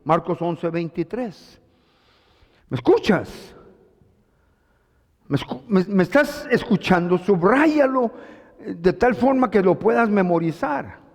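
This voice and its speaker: Pastor guy preaching hard, kinda high voice, lots of hall echo. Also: slow, creaky, pauses often. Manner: animated preaching, calls to the congregation. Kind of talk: sermon.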